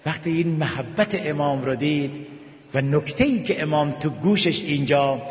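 A man preaching an emotional sermon, telling stories and dropping his voice low for tender moments, then lifting into sung lines. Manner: emotional, slows and drops to near whisper for tender moments, rises with sung passages. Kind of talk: religious sermon with storytelling. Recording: echoey hall reverb.

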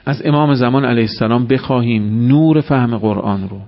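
Male preacher, mid-pitched, animated storyteller, dull recording. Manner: animated storytelling, acting out dialogue. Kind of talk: religious sermon.

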